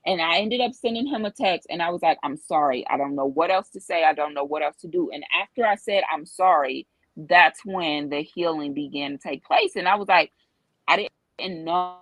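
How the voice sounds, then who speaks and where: A woman in her thirties talks through personal stories and frank relationship advice. Her voice sits a little low with a gravelly fry. The recording is close and dry. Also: normal speed, dry recording, low-quality recording. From Cincinnati area. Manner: candid, storytelling, earnest advice. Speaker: co-host.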